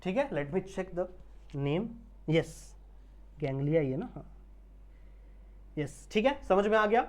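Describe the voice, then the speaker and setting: A man giving an online biology lecture. He keeps checking whether students understand, draws technical terms out slowly, and mixes English terms into his Hindi. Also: sits high, big pitch swings, a little mellow. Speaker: biology teacher.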